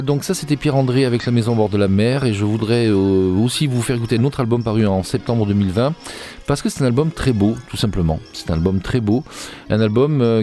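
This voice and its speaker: In a radio studio, a man with a fairly low, warm voice hosts a music show, chatting unscripted between songs. He speaks hesitantly and digressively, often rephrasing himself.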